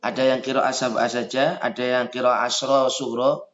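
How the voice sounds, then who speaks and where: A man's voice: mid-range voice, level tone, normal speed, a bit bright, roomy sound, highs cut off. A man, a student in an online class, speaking politely and deferentially to his teacher over a video call.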